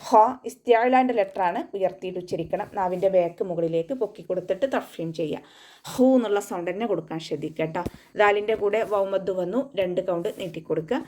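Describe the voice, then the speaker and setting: A woman with a fairly low, dark-toned voice teaches an online tajweed lesson as a Quran recitation teacher. She patiently explains each rule in sequence, pausing for slow, melodic Arabic recitation.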